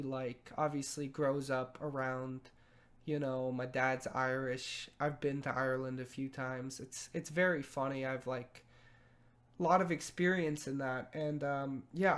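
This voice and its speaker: A young man giving a casual spoken film review, hesitant, with lots of pauses and restarts. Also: a little high. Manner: hesitant, many fillers and restarts.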